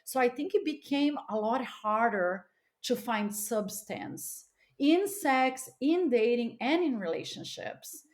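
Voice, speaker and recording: A middle-aged Los Angeles woman guests on a podcast, talking candidly and casually with lots of "like" and "you know." Her fairly high voice moves in lively patterns, and she speaks slowly and emphatically.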